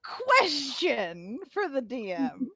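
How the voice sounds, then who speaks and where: A woman playing a tabletop role-playing game, chatting casually and improvising in a halting, amused way. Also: high voice, huge pitch swings, bright, forceful tone, breathy edge, dry recording, studio quality.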